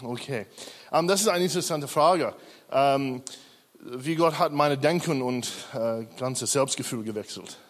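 A man's voice: medium pitch, unhurried, in a large hall. A middle-aged Australian man, a native English speaker, gives a hesitant personal testimony in a church service, full of fillers and self-corrections. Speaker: church member giving a testimony.

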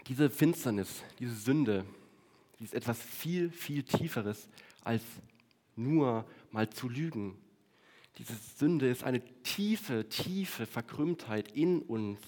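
Earnest German-speaking preacher man. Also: animated. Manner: earnest, slows and stretches key words for emphasis; drops to a quiet, low voice on solemn lines. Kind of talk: sermon.

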